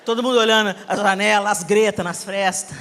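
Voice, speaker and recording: A middle-aged Brazilian woman preaching a sermon, telling a family story with animated acting and bursts of shouting. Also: medium pitch, brisk, a little hiss or hum. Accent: Brazilian Portuguese. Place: church hall. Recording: reverberant hall, live sermon.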